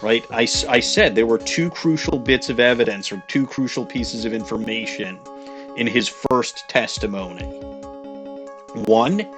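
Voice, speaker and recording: A man's voice: medium pitch, unhurried. Exasperated man doing game commentary. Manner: exasperated, profane, thinking aloud. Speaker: let's play host. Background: game music.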